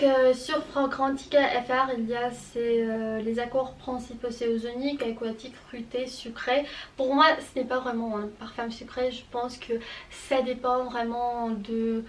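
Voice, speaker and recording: Female ASMR vlogger, higher-pitched, soft ear-close delivery, casual, slightly distant-sounding recording with light noise. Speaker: YouTuber presenting perfumes on her channel. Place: bedroom.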